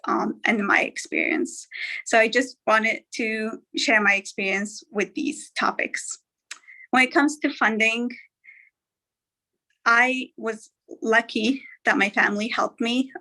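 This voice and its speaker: A young woman from Algeria speaks casually on a live stream, pausing often with fillers and restarting her sentences. Her voice is bright and forward. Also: medium pitch, poor audio. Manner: hesitant, many fillers and restarts. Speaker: guest speaker.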